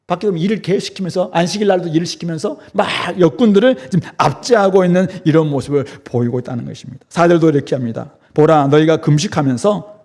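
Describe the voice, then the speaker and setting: A man's voice: a little high, quick pace, hardly any pauses, a little mellow. A male pastor preaching a sermon in a church, explaining scripture emphatically and asking rhetorical questions. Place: church sanctuary.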